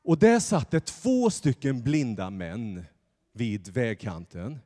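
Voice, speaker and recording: A man preaching a lively sermon from the pulpit in a church, acting out the story as he goes. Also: mid-range voice. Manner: animated, acts out the story's voices. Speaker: pastor. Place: church sanctuary. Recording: long church reverb.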